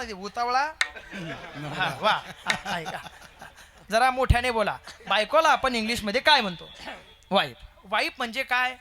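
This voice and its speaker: A man preaching a devotional kirtan sermon at a live gathering, telling the story and quizzing the audience playfully. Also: high voice.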